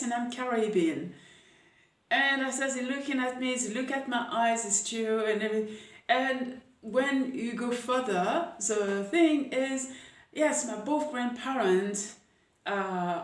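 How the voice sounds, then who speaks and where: Woman chatting in an echoey room. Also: mid-range voice. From Paris, France. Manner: chatty, hesitant with many pauses. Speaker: coffee camp host. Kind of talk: casual video chat. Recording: echoey room, voice a bit far from mic.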